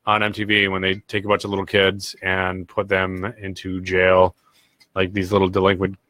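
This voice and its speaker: A young man sick with a cold hosts a casual livestream podcast, rambling, laid-back, and swearing freely. His low voice is completely flat at normal speed yet sounds pushed and bright, in a dry recording.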